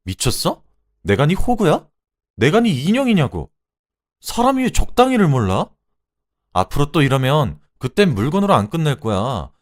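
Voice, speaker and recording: A defiant young wife, voiced by a man, hurls shrill, scolding shouts at her husband in a radio drama. Her voice jumps high and swings wildly as she rages. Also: wildly swooping pitch, normal speed. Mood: furious.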